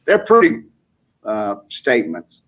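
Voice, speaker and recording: A man's voice: lowish voice, huge pitch swings, a bit bright, faint music behind. Man on a glitchy call that breaks up. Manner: halting, with hesitant fillers. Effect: glitchy call audio breaking up. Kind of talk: meeting discussion.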